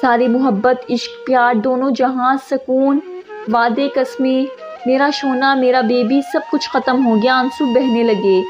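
A woman narrates a sad story in a steady, emotive reading. Her voice is high, the recording is dull and lo-fi, and music plays throughout. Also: unhurried.

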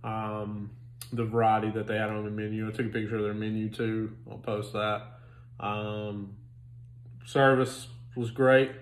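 A man in his thirties gives a relaxed, rambling restaurant review at home and cracks jokes along the way. He talks into a phone camera on a stand in a living room. His voice carries a roomy echo. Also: fairly low pitch, measured pace. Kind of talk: casual chat.

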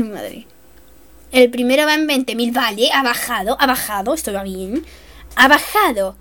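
A young woman giving excitable, self-mocking gameplay commentary, swinging between shrieks and mutters. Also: high voice. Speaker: gaming youtuber.

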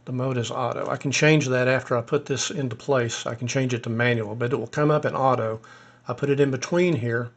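Relaxed man walking through a tutorial. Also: medium pitch, brisk. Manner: relaxed, explanatory, thinking aloud with fillers. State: a little hoarse. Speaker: ham radio hobbyist demonstrating software. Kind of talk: casual screen-recorded tutorial.

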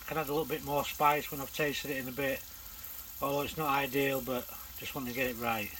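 A man's voice: mid-range voice, lively intonation, a little fast, a bit bright, slight background noise, rough recording. An older man, chatting casually to camera in a bankside bivvy while he fishes and cooks a curry. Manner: chatty, matter-of-fact running commentary. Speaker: angler vlogger. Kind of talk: casual vlog narration while cooking. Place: bankside bivvy outdoors at dusk.

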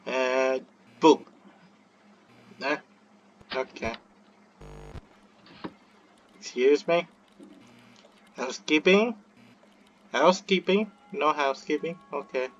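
A man's voice: medium pitch, fairly even intonation, slow, long pauses, lo-fi sound, soft background music. A man giving casual let's-play commentary, joking, swearing and talking to the game. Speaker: gameplay commentator.

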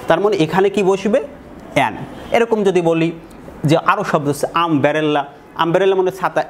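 A man teaching an English grammar lesson to school students. He keeps asking the class questions and then answers them himself, and he slows down to read out example sentences. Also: fairly high pitch, slight background noise.

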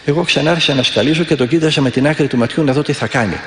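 A bright, somewhat high male voice, touched by a little hiss or hum, belongs to an Orthodox monk delivering a storytelling sermon. His manner is earnest and vivid, with prayers repeated throughout, and the recording has the reverb of an echoey hall.

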